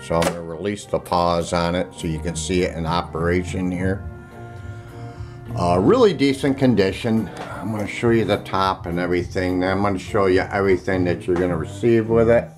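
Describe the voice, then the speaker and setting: An online seller, a man with a low voice, demonstrates an item casually and without a script, speaking plainly and haltingly. He stays off screen behind a handheld camera in a room of a home, while music plays from audio equipment in the background.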